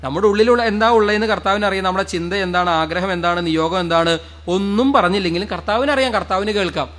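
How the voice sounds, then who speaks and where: Fervent high-voiced priest preaching. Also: male voice, very fast. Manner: fervent, repeats phrases, asks the crowd questions, swings loud and soft. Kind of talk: sermon. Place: church or prayer hall with a congregation.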